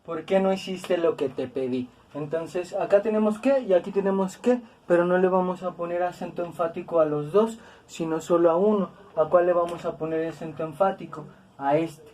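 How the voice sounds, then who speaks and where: A woman's voice: on the low side, dark tone, recorded from a distance, a little hiss or hum. A woman teaching a grammar lesson, patient and repetitive, with tag questions and fillers. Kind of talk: explanatory lesson.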